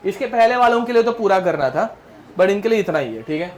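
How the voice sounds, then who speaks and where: Male chem teacher, high voice, drills students with mnemonics. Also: expressive, fairly quick, darkish tone. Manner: drills mnemonics, scolds students, Hindi mixed with English terms. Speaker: chemistry teacher. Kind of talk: classroom lecture.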